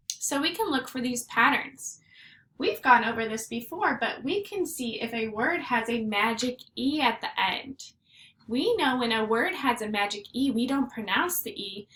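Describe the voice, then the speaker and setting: A woman teaching a phonics lesson to first graders, sounding out letters slowly and clearly. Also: on the high side, sharp tone. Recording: echoey room with faint noise.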